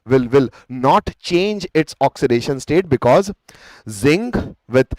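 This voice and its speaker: An Indian-accented man lectures as a teacher in a live revision class. His pitch is average for a man and the sound is dry, with little room to it. He explains by posing questions and answering them himself, often repeating key phrases. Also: lively intonation, slow, a little mellow, dry recording, poor audio. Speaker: chemistry teacher.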